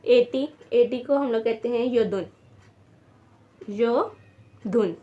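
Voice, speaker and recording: A woman's voice: on the high side, moderate pace, warm tone, dull audio. A woman teaching a beginner language lesson, patiently repeating each word several times and checking in with her students.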